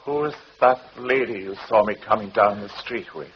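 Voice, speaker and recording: A man doing a deadpan stage-Irish comic. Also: lowish voice, fairly quick, natural voice. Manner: deadpan, drawling comic patter. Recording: dull old radio recording with hiss.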